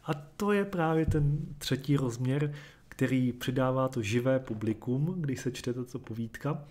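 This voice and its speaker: A man reading a short story aloud and then explaining it in a measured, thoughtful way. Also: mid-range voice, a little mellow. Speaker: reader and commentator. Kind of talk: literary reading and lecture.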